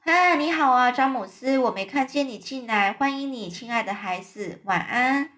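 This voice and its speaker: Woman reading a sleepy glowworm, calm, unhurried, storybook. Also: sits high.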